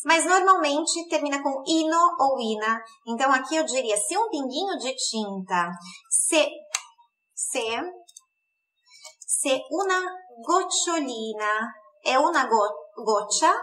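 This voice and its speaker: A woman teaching an online Italian lesson in Portuguese, slowly repeating words for pronunciation. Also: high voice, pushed and bright, low-quality recording.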